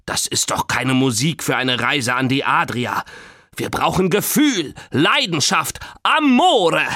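A man's voice: a little high, expressive, takes it slowly, sharp tone, no echo, studio quality, full character voice. A male narrator voicing an old grandfather, theatrical and easily indignant. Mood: passionate.

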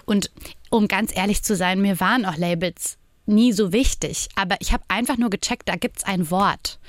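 A woman's voice: medium pitch, moderate pace, dry recording, clean studio sound. A woman in her thirties, a podcast guest, talking openly and reflectively about her own life, often adding tag questions. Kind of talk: candid personal interview talk.

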